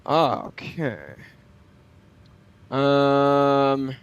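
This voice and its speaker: A man's voice: medium pitch, level tone, drawn-out words, clear, resonant tone, highs cut off. A man livestreaming a flight simulator, talking casually and hesitantly as he thinks aloud. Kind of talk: casual livestream commentary with pilot radio calls.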